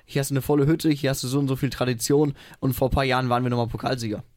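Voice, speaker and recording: A man chatting casually as a podcast co-host. He runs through figures at a brisk clip and slips in deadpan jokes. His voice sits in a middle register and sounds dry and close. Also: mid-range voice, no echo. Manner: dry joking, reels off stats. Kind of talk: casual football chat.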